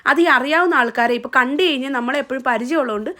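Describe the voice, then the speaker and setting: A woman's voice: sits high, racing, bright, forceful tone. A young woman, narrating a family vlog in a chatty, casual way. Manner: chatty, often adds a tag question. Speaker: vlogger.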